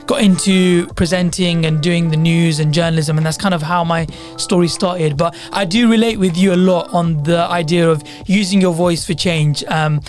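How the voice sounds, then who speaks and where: A man's voice: a little high, steady tone, moderate pace, few pauses, soft background music. A young man in his twenties, a podcast co-host, eagerly telling stories in casual chat and often correcting himself. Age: 20s. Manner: eager storytelling, self-correcting. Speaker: podcast co-host, journalism student.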